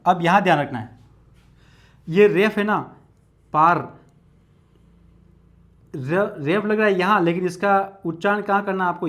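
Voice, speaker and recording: A man's voice: a little high, fairly bright tone. A male Hindi lecturer teaching an exam-prep lesson, explaining each step methodically and repeating it while he writes.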